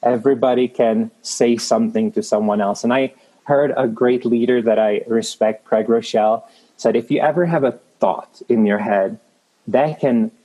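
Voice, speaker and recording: A Czech man in his thirties, a creative manager appearing as an interview guest, speaks with a Czech accent in a mid-range, mellow voice. His motivational talk is earnest and encouraging with frequent restarts, and the audio is poor.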